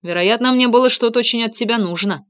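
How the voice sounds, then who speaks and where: A woman's voice: fairly high pitch, quick pace, a bit bright, natural voice. A woman voicing an irritable, grumpy male detective in an audiobook, scolding and indignant. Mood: mocking. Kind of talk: audiobook character reading.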